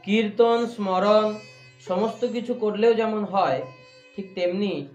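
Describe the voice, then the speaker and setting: A man teaching from scripture, asking his listeners questions and chanting Sanskrit verses slowly. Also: high-pitched, darkish tone, soft background music. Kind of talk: devotional scripture discourse. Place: room with listeners. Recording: echoey, muffled, with faint sitar.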